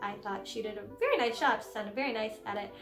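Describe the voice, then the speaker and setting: A young woman singer explaining a song in a casual lesson, animated and giggly, acting out lines dramatically. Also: medium pitch, quick pace. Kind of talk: casual music lesson vlog. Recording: echoey room with soft piano music.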